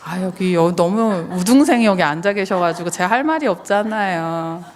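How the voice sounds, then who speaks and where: A woman pastor delivers a sermon in a church sanctuary, explaining points and addressing her listeners with direct questions. Her voice sits on the low side, a little mellow, and somewhat strained, held to a low register during her recovery. The recording has long hall reverberation and a little hiss or hum.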